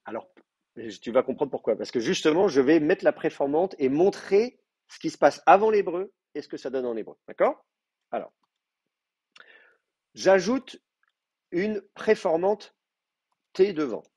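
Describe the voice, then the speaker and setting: A man's voice: on the high side, lively intonation, measured pace, long pauses, darkish tone, slightly rough, no echo, highs cut off. A man lecturing a class, explaining patiently with many fillers and restarts. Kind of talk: university lecture.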